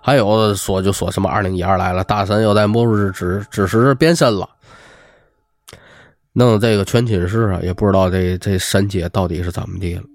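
A man, telling a spooky true story in a chatty, animated way and acting out the quotes. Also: low-pitched, a little fast, no echo. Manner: lively, chatty, acts out quotes. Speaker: storyteller host. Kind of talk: casual ghost-story narration.

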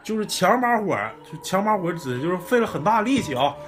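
A man's voice: sits high, sing-song, a little fast, faint music behind. A man with a Northeastern Chinese accent telling a true ghost story in casual podcast chat, blunt and swearing freely.

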